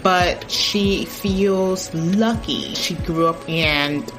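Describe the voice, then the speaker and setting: A woman hosting a podcast, narrating and asking questions in a measured, attentive way. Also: fairly low pitch, over music. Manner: measured, attentive, frequent affirmations. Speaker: podcast host.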